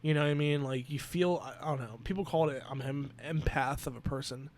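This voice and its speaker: Earnest young man, halting and emotional. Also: medium pitch. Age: 20s. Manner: earnest, halting, with many restarts and "you know". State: emotional, near tears. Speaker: podcast host. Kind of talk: personal solo podcast talk.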